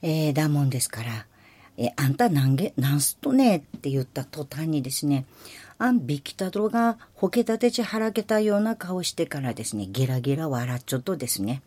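A woman in her sixties speaking in Miyazaki dialect, hosting her own podcast in a folksy, chatty way with a few hushed asides and some admitted nerves. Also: sits low, brisk, no echo. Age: 60s. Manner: nervous, self-deprecating. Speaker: podcast host. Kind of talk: casual chat.

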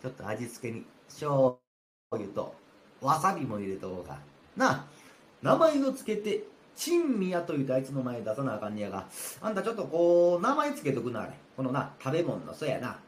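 Sly kansai master plotting, low-ish hushed voice, roomy echo, man doing rakugo. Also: wildly swooping pitch, fairly quick. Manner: sly, conspiratorial. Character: scheming older male master of the house. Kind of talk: rakugo storytelling. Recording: roomy with faint ambience.

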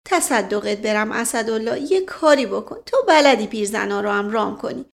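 A woman's voice: fairly high pitch, creaky. A woman voicing a flustered older aristocratic lady who pleads and fusses anxiously in an audiobook. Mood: begging. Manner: pleading, fussing. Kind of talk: audiobook character reading.

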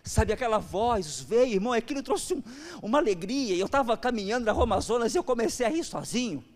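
A man with a Brazilian Portuguese accent preaching a sermon as pastor, swinging between soft, intimate passages and loud, impassioned exhortation. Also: very high voice, lively intonation, quick pace.

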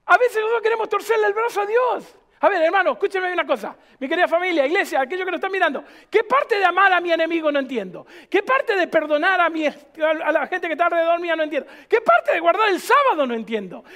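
High-pitched preaching pastor. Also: male voice, animated, fast, hardly any pauses, pushed and bright. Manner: emphatic preaching with rhetorical questions. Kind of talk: sermon. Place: church.

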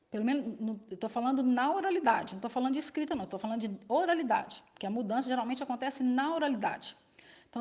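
Didactic Belo Horizonte woman professor. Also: fairly high pitch. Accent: Belo Horizonte Brazilian Portuguese. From Belo Horizonte, Brazil. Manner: didactic, frequent "né?" tags, self-correcting. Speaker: linguistics professor. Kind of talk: explanatory interview answer.

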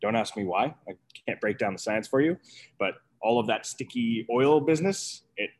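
A man's voice: medium pitch, expressive, moderate pace. A man, an executive chef, talking casually and rambling with many fillers and restarts. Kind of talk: casual conversational storytelling.

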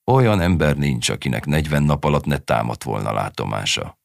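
A stern, weary herder father with a terse, low-key way of speaking, read by a man. The voice is very deep and gravelly. It sounds close and dry, with no room around it. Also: expressive, dry recording, exaggerated voice.

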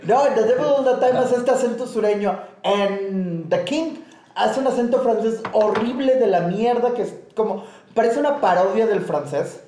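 A young Mexican man co-hosting a casual film chat, animated and slangy, acting out quotes as he talks. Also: sits high, normal speed, reverberant, slight background noise, low-quality recording. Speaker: podcast co-host.

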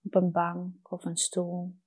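A woman guiding a meditation in a soft, soothing, unhurried manner with long pauses. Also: lowish voice, monotone, breathy edge. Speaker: meditation guide. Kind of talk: guided meditation.

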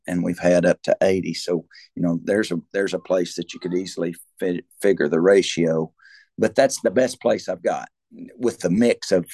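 A man's voice: low-pitched, a little mellow, no room sound. A man with a rural Southern US accent talking as a cattle rancher, explaining things conversationally in a folksy, rambling way with repeated words and restarts. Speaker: cattle rancher, interview guest.

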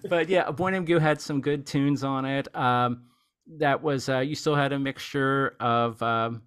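A man hosting a casual music podcast, his voice sitting in an ordinary middle pitch for a man. He talks in long, rambling runs full of "you know" and "uh", clearly thrilled by his subject. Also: unhurried, fairly bright tone. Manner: rambling and enthusiastic, heavy use of "you know". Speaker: podcast host.

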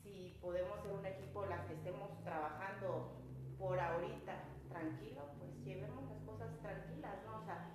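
A woman's voice: medium pitch, normal speed. Blunt, apologetic woman, echoey room. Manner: frank, blunt yet apologetic, detailed recounting. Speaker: employee. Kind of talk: explaining and apologizing in a staff meeting. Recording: echoey room, mic far off, faint noise.

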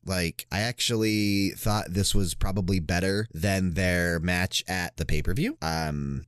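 A man co-hosting a podcast in casual chat, animated, teasing and swearing freely. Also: deep voice, clean tone, no room sound, clean studio sound. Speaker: podcast co-host.

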